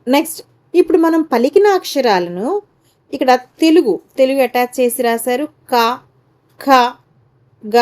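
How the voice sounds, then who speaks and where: Slow, high-voiced woman teaching children. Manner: repeats each word twice, coaxing pupils with "amma". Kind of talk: slow Hindi lesson for children.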